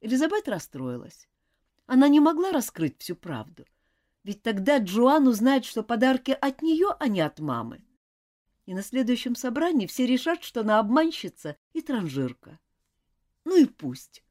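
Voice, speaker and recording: A woman's voice: fairly high pitch, big pitch swings, moderate pace, a little mellow. A woman narrating a children's storybook aloud, voicing all the characters expressively.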